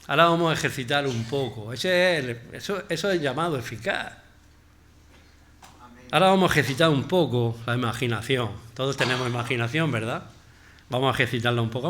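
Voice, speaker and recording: A man preaching a sermon as pastor, chatty and animated, jumping between loud emphasis and quiet asides. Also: medium pitch.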